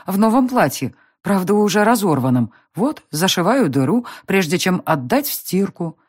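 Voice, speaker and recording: Woman doing a motherly housekeeper, chatty, mock-grumbling, bright lilting voice, storybook. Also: medium pitch, sing-song, moderate pace, slightly rough, dry recording, studio quality, voice pushed up. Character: busy motherly housekeeper, fondly exasperated. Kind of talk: audiobook character voice.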